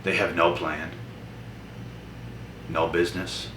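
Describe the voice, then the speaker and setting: A young motivational vlogger gives a blunt, preachy monologue to camera in a deep, flat voice at a slow pace. He is recorded from a distance in an echoey room with noise.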